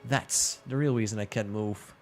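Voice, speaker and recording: A man's voice: on the low side, fairly even intonation, moderate pace, faint music behind. A man streaming a horror game, reading its text aloud in a dramatic first-person voice with wry asides.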